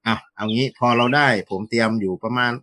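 Fast-talking jokey male teacher. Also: mid-range voice. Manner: jokey, lively anecdotal telling with acted quotes. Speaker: schoolteacher. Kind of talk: casual storytelling interview.

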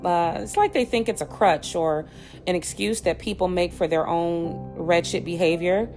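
A woman's voice: lowish voice, measured pace, a little mellow, faint music behind. An American woman hosting a podcast, narrating true crime in a grave storytelling manner with blunt personal asides. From Detroit, United States. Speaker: podcast host.

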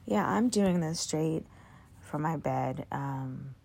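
A woman hosting her own podcast straight from bed, talking softly and haltingly in her groggy morning voice, with many fillers and restarts. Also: low voice, lively intonation, gravelly, husky. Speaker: podcast host. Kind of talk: casual solo podcast talk. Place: bedroom, in bed. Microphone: phone app.

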